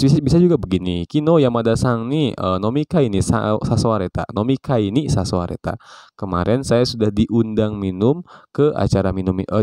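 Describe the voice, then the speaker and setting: A man teaching a casual vocabulary lesson, calling out each new word brightly and explaining it with relaxed, chatty example sentences. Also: fairly low pitch, no room sound. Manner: relaxed, chatty, frequent fillers. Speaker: Japanese language teacher.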